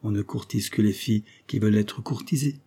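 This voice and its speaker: A man voicing a quiet, faithful young village woman who speaks gravely and steadily. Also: lowish voice, brisk.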